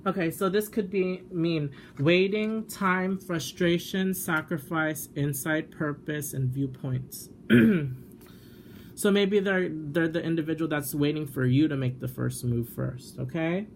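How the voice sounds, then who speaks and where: A tarot reader in a middle pitch explains a card spread in a loose, chatty way. The talk is full of fillers and self-corrections. A faint hiss runs underneath. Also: unhurried. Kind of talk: casual tarot reading to camera.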